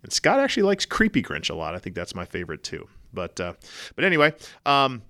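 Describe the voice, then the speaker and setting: A hoarse man with a cold, hosting a podcast in a rambling, self-joking monologue. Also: wildly swooping pitch, a little fast, a bit bright. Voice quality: low husky baritone. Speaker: podcast host.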